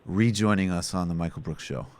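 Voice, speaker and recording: A man with a very deep voice hosts a political interview, posing long, meandering questions with an animated, sardonic edge. He talks a bit quickly, and the recording is dry.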